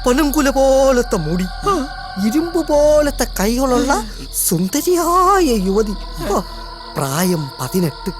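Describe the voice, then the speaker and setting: An actor playing a cowardly, boastful sidekick in a Malayalam film comedy, dramatic and whiny, over background music. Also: male voice, extremely high pitch, sing-song, slow, full character voice. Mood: ominous. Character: scrawny, cowardly, boastful male sidekick with sly bluster.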